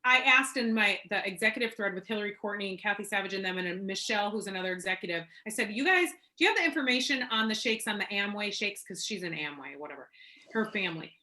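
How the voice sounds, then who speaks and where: A woman leading a casual team call, chatty and excitable, rambling from one story to the next. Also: mid-range voice, quick pace, rough recording. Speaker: team leader.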